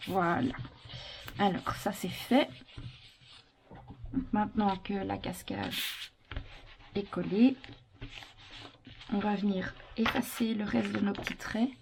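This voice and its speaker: A woman's voice: mid-range voice, fairly even intonation, slow pace, long pauses. Female craft presenter, mid-range voice, practical step-by-step delivery while working, on a noticeably noisy track. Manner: instructional, talking while working. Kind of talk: informal step-by-step hands-on tutorial. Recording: clearly noisy with handling clicks.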